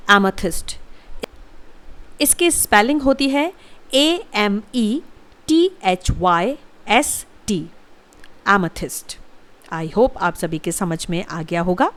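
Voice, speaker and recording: A woman teaching English vocabulary, saying each word, spelling it out letter by letter and repeating it. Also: mid-range voice. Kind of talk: slow explanatory vocabulary lesson.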